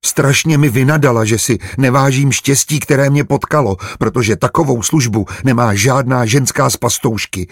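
A man voicing a naive, anxious young female servant who speaks in a rushed, pleading way in an audiobook. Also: mid-range voice, husky, no room sound, clean studio sound, voice pushed up. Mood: earnest.

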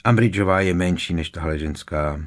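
A man's voice: low voice, lightly acted. A man voicing a precise, insistent schoolgirl witch. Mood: earnest. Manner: precise, insistent, explains at length. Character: earnest know-it-all teenage schoolgirl witch.

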